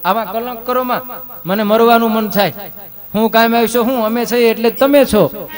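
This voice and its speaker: A man's voice: very high voice, fairly even intonation, moderate pace. A man, telling a folk tale on stage in a dramatic, preacherly manner. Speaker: folk storyteller. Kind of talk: live folk storytelling performance. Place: live stage show. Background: musical instruments playing.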